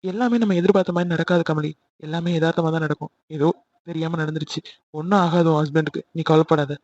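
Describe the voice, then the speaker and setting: A man's voice: fairly high pitch, fairly even intonation, quick pace, a little mellow, no echo, natural voice. A man voicing a worried, protective young man in an amateur cartoon, talking earnestly and pleading. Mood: comforting. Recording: dry, slightly dull lo-fi recording.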